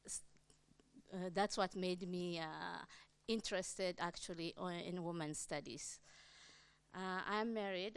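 A woman's voice: lowish voice, smooth. A middle-aged woman from Ethiopia giving an academic conference presentation, hesitant, with many fillers and restarts. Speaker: conference speaker, independent researcher.

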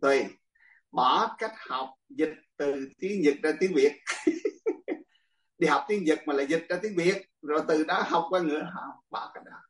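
Speaking a little slowly at a fairly high pitch, an older monk teaches in a chatty, informal style, laughing often and talking right to his students. He's recorded at a distance in a room with echo.

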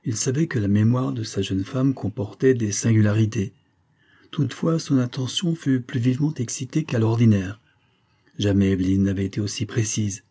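A man reading a novel aloud as an audiobook narrator, measured and even. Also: lowish voice, husky. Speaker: audiobook reader.

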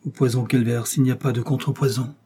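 A man reading an audiobook voices a brooding, stern nobleman who speaks gravely and with intensity. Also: medium pitch, fairly even intonation, quick pace, dark tone, lightly acted. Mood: grave dread.

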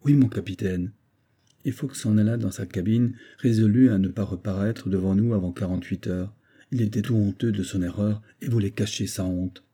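A man narrating a classic adventure novel as an audiobook, in a measured, steady reading. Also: on the low side. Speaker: audiobook reader.

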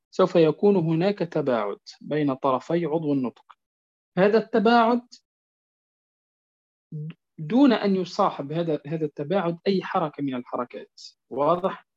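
A man teaching a Quran recitation lesson, repeating each point and often asking whether it is clear. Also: on the high side, darkish tone. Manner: drills words slowly, stretching them out. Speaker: tajweed teacher. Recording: dull lo-fi recording.

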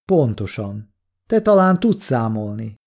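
A brash young soldier, breezy and teasing, tossing off quips, as the audiobook reader voices him. A mellow, warm-toned voice lifted into a livelier register. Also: male voice, mid-range voice, big pitch swings. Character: cocky young male soldier, joking and brash. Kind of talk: audiobook character voice.

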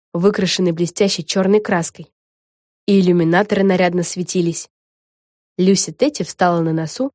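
A woman narrating a children's storybook in an expressive, lively reading. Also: fairly low pitch, no echo, clean studio sound. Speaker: audiobook narrator.

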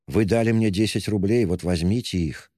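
A man's voice: lowish voice, normal speed, warm tone, clean studio sound, natural voice. A man voicing a timid young woman who speaks in a frightened half-whisper. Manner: whispering in fear. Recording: long hall reverb.

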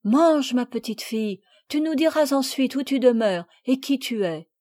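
A woman voicing a gentle, motherly noblewoman asking kind questions. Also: high-pitched, expressive, normal speed, dry recording, studio quality, pitched above the performer's own voice. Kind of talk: audiobook character reading.

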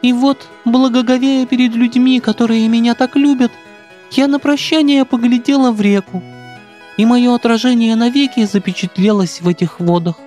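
A man voicing a gentle young princess who exists only as a reflection in a river, speaking softly and wistfully. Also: extremely high pitch, steady tone, moderate pace, faint music behind, pitched above the performer's own voice. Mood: tender. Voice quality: soft, tender voice. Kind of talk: storybook reading.

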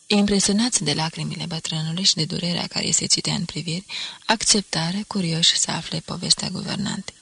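Husky-voiced woman narrating an audiobook. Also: on the low side, dry recording. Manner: measured, calm storytelling. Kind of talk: scripted narration.

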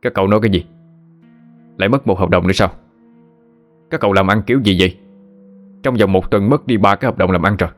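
A man's voice: on the low side, quick pace, pauses often, soft background music, close to an everyday voice. A man doing a hot-tempered company director. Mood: furious. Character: angry middle-aged male company director.

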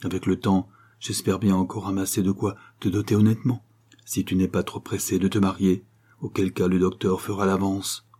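A man's voice: low voice, flat delivery, moderate pace, dark tone, breathy edge. A man playing a troubled middle-aged painter father, talking lightly and reassuringly over his strain.

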